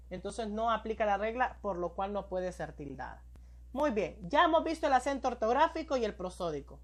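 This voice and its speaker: A woman teaching a recorded grammar lesson, speaking slowly and clearly, putting questions to the viewer and answering them herself. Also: mid-range voice.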